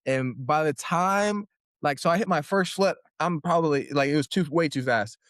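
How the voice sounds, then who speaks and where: A man's voice: on the high side, normal speed, fairly bright tone, dry recording, clean studio sound. A young man, a guest fighter, telling a story in a casual interview and acting out his own quotes.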